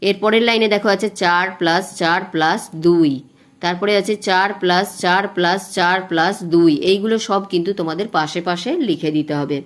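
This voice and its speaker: Woman tutor chanting verse slowly, low voice. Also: fairly even intonation. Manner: explains step by step, slowly chants poem lines, counting syllables aloud. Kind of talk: exam-prep lesson on verse metre.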